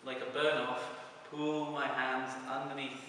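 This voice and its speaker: In an echoey hall with the mic far away and a bit of hiss or hum, a man casually teaches a prop-spinning move, loosely narrating each step as he shows it. He speaks unhurriedly at medium pitch, with little pitch movement and a fairly bright tone.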